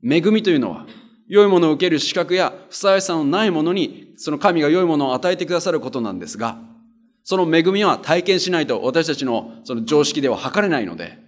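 A man's voice: fairly high pitch, expressive, brisk. A man preaching a conversational sermon and reading scripture aloud, earnest and plain-spoken, driving points home by repeating them. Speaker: pastor.

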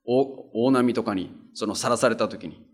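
A man's voice: lowish voice, moderate pace, breathy edge. A man preaching a conversational sermon and reading scripture aloud, earnest and plain-spoken, driving points home by repeating them. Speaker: pastor.

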